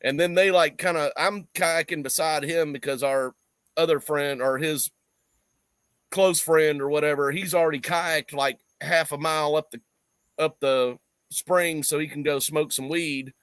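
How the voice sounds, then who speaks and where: A lively man with a fairly high voice spins a story in casual chat, laughing along and putting on little voices for the people in it. His mic is close and dry, with no room sound around him. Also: unhurried, smooth, dry recording. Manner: animated storyteller, laughs often, mimics voices. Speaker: podcast co-host.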